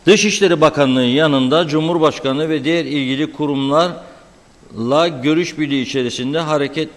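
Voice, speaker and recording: A man's voice: fairly high pitch, normal speed. Man's voice with a cave-like echo. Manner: questioning, reflective. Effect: cave-like echo on his voice. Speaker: host. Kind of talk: interviewing a guest. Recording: echoey, long-reverb remote connection.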